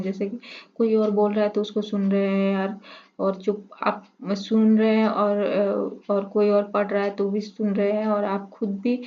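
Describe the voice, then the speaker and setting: A woman tutor explaining lesson material for teachers, with halting delivery, many fillers and restarts. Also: medium pitch. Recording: dull lo-fi recording.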